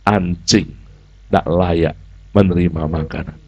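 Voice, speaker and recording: A man's voice: low voice, takes it slowly, creaky, breathy edge, dull audio. A man with a Javanese accent preaching a sermon as a pastor, humorous and acting out the people he quotes. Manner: animated, humorous, acts out quoted dialogue.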